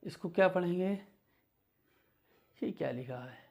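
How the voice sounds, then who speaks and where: Slow, gravelly-voiced teacher. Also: male voice, high-pitched. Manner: slow, patient, repeats words for learners. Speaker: English teacher. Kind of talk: beginner English lesson.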